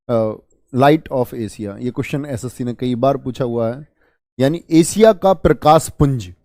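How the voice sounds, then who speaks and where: A man's voice: mid-range voice, mellow, dry recording, studio quality. A man teaching an online exam-prep history class, repeating key terms and quizzing his students as he goes. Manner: addresses students as children.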